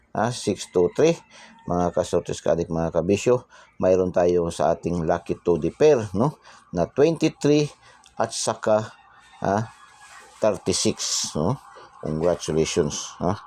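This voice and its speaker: A man's voice: low voice, dark tone, no echo. A man hosting a lottery tip channel, talking casually and chattily, tacking "ha?" onto his sentences and now and then dropping to a whisper. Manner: chatty, repeats tag phrases and "ha?" constantly; drops into whispers for secret numbers.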